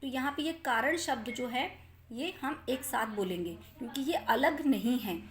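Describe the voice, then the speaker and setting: Woman, high voice, grammar teacher, slow deliberate example reading. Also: animated. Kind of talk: Hindi grammar lesson explaining examples.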